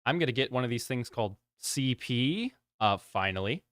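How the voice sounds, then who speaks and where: A man's voice: mid-range voice, lively intonation, normal speed, fairly bright tone, no echo, studio quality. A man hosting a live board game stream, chatting casually, teasing his opponent and laughing often. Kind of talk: casual livestream chat while playing.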